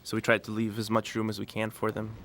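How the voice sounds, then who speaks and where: Director recording DVD commentary, rambling, lowish, flat delivery. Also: male voice, fast. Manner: relaxed, rambling, many fillers.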